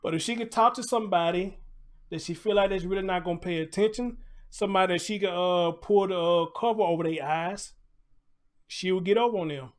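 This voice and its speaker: This American host of a casual live commentary show has a high-pitched voice and speaks fairly quickly. His conversational style mixes preacher-style asides with repetition and rhetorical questions.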